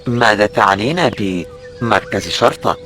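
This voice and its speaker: A man's voice: on the low side, animated, a little slow, fairly bright tone, faint music behind, pitched below the performer's own voice. A man voicing a proud young Roman man in an audio drama.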